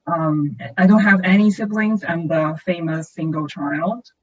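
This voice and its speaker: A woman in her late twenties from northern China, speaking English with a Chinese accent, a first language of Chinese, in a thoughtful, measured podcast chat over a remote call. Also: lowish voice, steady tone, a little mellow. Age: late 20s. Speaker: podcast co-host. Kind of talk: casual conversation. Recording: muffled lo-fi call audio.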